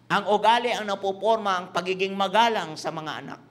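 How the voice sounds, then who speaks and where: Pastor guy preaching, high voice, repeats stuff, teases the church. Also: fairly quick, fairly bright tone. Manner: preaching in Tagalog-English mix, repetitive, teasing the congregation. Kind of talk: sermon. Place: church hall with congregation.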